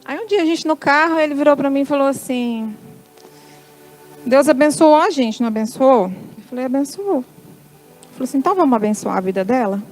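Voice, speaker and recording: A woman's voice: high voice, lively intonation, fairly quick, darkish tone, soft background music, rough recording. A middle-aged woman with a Brazilian Portuguese accent giving a church testimony, telling a story and acting out the dialogue in quoted lines.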